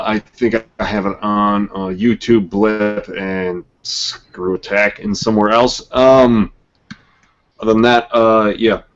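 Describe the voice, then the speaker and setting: A man co-hosting a podcast, dry and offhand as he plugs his web show. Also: lowish voice. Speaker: podcast co-host. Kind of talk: casual podcast banter. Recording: dull lo-fi livestream audio.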